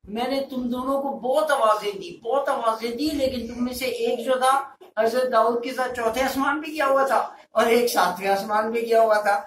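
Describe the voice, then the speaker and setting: A man's voice: extremely high pitch, normal speed, few pauses, a bit bright, voice pushed up. A woman voicing a sly man from a kids' story who pleads his case to his friends, recorded from a distance in a roomy space. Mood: pleading. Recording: roomy, distant mic, faint hum.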